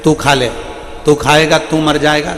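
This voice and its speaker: Man playing a calm, wily guru. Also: fairly high pitch, a little slow. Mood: persuasive. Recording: echoey hall with faint music.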